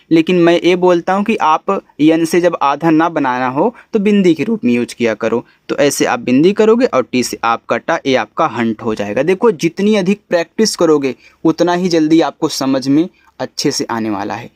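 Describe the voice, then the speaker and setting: A man teaching English phonics to beginners, spelling letters out slowly and then saying each word lower. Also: no echo, clean studio sound. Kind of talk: phonics lesson explanation.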